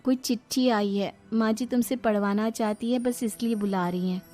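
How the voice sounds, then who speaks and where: A woman voicing a naive, gentle and dutiful young village daughter-in-law in a cartoon story. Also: on the high side, fairly even intonation, moderate pace, faint music behind, voice pushed up, lightly acted.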